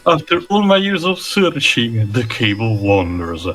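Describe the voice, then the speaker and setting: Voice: mid-range voice, sing-song, unhurried, a bit bright. A man reading a scheming, commanding villain who hunts treasure, from a video game cutscene.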